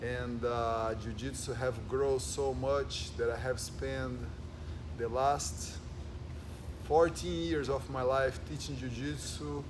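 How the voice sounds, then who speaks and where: A man's voice: mid-range voice, steady tone, slow, noisy background. A man from Brazil with a Brazilian Portuguese accent, hosting a casual podcast as a jiu-jitsu gym owner, earnest and full of "and, uh" fillers.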